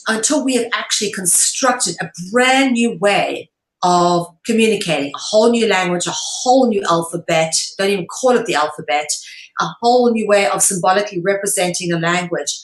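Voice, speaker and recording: Her voice sits at a medium pitch, expressive and at a normal speed, as she is interviewed. The woman, an online show presenter appearing as a guest, explains her thinking at length with earnest, emphatic, lecture-like delivery, and the room echoes.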